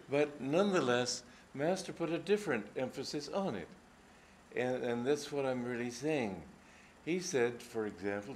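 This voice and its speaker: A man's voice: medium pitch, slight background noise. Older man giving a reflective spiritual talk. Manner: reflective, anecdotal, unhurried with frequent hesitations. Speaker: spiritual teacher. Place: gathering hall.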